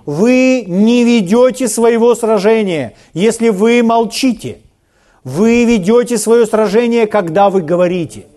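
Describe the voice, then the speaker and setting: High-voiced, mellow male preacher. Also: a little slow. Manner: conversational preaching that acts out quoted everyday speech. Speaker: pastor. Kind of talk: sermon.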